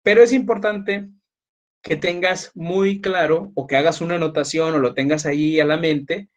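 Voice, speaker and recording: A man teaches a psychology class in a relaxed, conversational lecture. His voice sits a little higher than most men's. He repeats key points, checks in with a quick "ok?", and fills pauses with small fillers and restarts. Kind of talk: recorded online class lecture.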